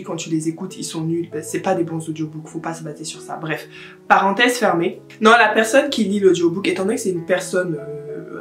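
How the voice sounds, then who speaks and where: A woman book vlogger chatting casually to camera, sprinkling English words into her talk. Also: mid-range voice. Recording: roomy echo with faint guitar music.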